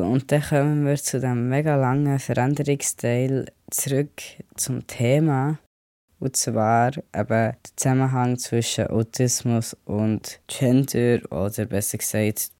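Guy with a cold rambling on his podcast, mellow voice, dry close mic. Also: medium pitch, no echo. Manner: chatty, rambling, mixes in English words. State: has a cold. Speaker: podcast host. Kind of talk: casual solo podcast chat.

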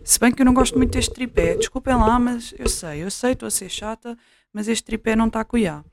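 Testing an inexpensive new USB microphone whose position keeps changing, a young European Portuguese-accented vlogger chats casually at home. Her voice sits on the high side and is creaky, she talks fairly fast, and there's no room sound; her speech is scattered with many fillers and restarts.

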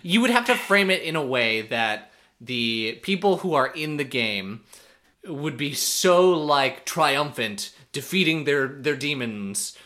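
A man's voice: a little high, expressive, slow pace, pushed and bright. A man co-hosting a podcast, recapping a reality show episode in casual, opinionated chat. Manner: opinionated, recaps events with quoted asides. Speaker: podcast co-host.

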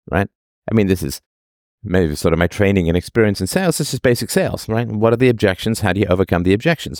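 A man's voice: deep voice, darkish tone, no room sound, studio quality. A man hosting a solo philosophical monologue, emphatic, repeating key phrases and drawing out words. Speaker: podcast host.

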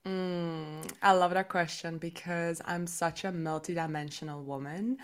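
A woman's voice: fairly low pitch, steady tone, measured pace. A woman explaining her work as an interview guest, in informal, reflective, conversational speech. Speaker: podcast guest, astrologer and spiritual guide. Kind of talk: casual explanatory interview talk.

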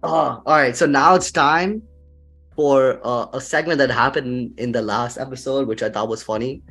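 A young man hosting a podcast in casual chat, laid-back and quick to laugh, with lots of fillers. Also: mid-range voice, fairly bright tone, slightly rough, soft background music. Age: young adult. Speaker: podcast host.

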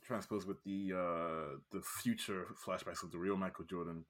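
Laid-back low-voiced man with slang. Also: steady tone, moderate pace, fairly bright tone. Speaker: podcast co-host. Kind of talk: casual film review chat.

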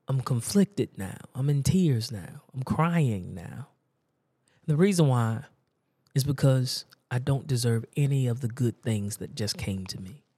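A man's voice: mid-range voice, dark tone, breathy edge, dry recording. A man preaching a sermon, telling a personal story in a conversational, emphatic and repetitive way.

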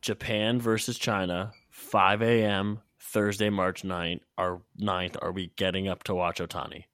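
A man's voice: sits low, level tone, a little slow, fairly bright tone, clear, resonant tone, no room sound. A man co-hosting a casual sports podcast, sounding nasal while getting over a cold, joking and stammering into his sentences. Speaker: podcast co-host.

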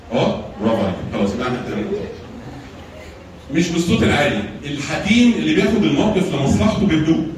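Fast-talking Egyptian man, echoey room. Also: fairly high pitch, a little hiss or hum. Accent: Egyptian Arabic. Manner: teaching with rhetorical questions and repeated phrases. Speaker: church lecturer. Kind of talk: talk on anger management with slides. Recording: very echoey room, mic far off.

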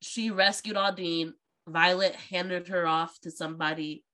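A woman co-hosting a casual book podcast, animated and laughing often as she discusses chapters. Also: fairly low pitch, unhurried. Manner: animated, laughing, swearing freely.

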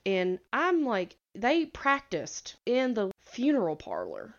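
A young Southern woman with a Southern accent co-hosts a podcast, telling a story in a rambling, giggly, casual-chat way. Her voice sits on the high side with huge pitch swings, she speaks slowly, and the recording is lo-fi.

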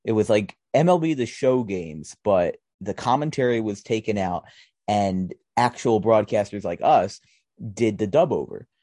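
Man, podcast host, low pitch, mellow, rambling casual chat, dry sound. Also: lively intonation, a little slow, no echo. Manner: rambling, many restarts and fillers.

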